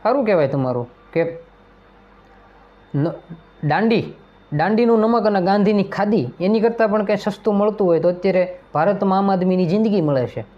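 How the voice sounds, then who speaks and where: A man's voice: high-pitched, normal speed. A man delivering an impassioned political speech, accusing and firing off rhetorical questions. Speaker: political commentator. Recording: dull lo-fi audio.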